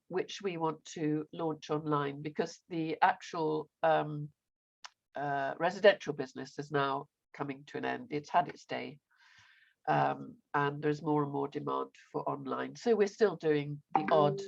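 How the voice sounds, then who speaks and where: A woman in her seventies introduces herself to a group in a low, gravelly voice that turns squeaky, as if she is under the weather. She speaks as an experienced teacher. The recording is dull and lo-fi. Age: 70s. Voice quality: squeaky, croaky voice from feeling unwell. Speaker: language teacher and residential course owner. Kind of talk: self-introduction in a group online discussion. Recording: dull, lo-fi call audio.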